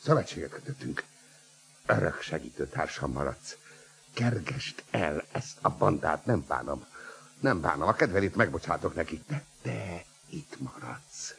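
An actor playing a raving, megalomaniac older mad scientist in a radio play, with a husky voice, shrieking rants and mocking laughter. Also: male voice, deep voice, big pitch swings, hardly any pauses, heavily acted. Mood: pleading. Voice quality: husky, gravelly.

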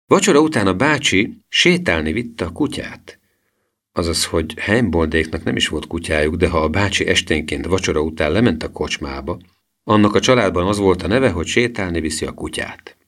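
Deep-voiced male audiobook narrator. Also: lively intonation, fairly bright tone. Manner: measured storytelling, changes voice for each character.

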